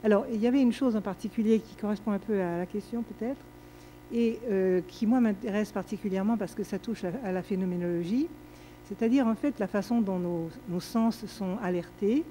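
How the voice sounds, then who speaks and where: Older woman lecturing, mellow and rambling. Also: medium pitch, fairly quick, a little hiss or hum, poor audio. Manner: digressive, lively, many fillers and restarts. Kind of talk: academic lecture Q&A answer.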